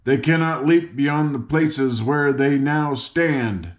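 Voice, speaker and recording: An older man voicing a bossy, furious little gnome king from a storybook, shouting and blustering. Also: a little high, slow. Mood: angry, commanding.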